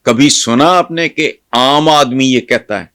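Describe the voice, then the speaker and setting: Gravelly, scornful older male commentator. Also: medium pitch, dry recording. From Pakistan. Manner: scornful and scolding, with bursts of loud mockery. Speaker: political commentator. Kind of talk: fiery political commentary to camera.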